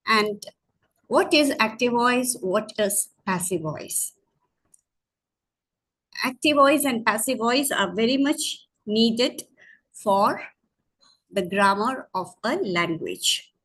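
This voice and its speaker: Woman teaching grammar online, slightly husky. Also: on the high side, lively intonation, takes it slowly, pauses often, a bit bright, poor audio. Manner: patient, explanatory, with frequent restarts and self-corrections. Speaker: English teacher. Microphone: screen-share online session.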